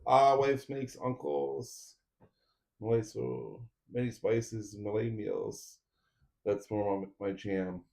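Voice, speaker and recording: A man's voice: lowish voice, level tone, takes it slowly, gravelly, a little mellow. A man streaming a 3D printer build, chatting casually with viewers while he assembles parts. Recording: roomy echo.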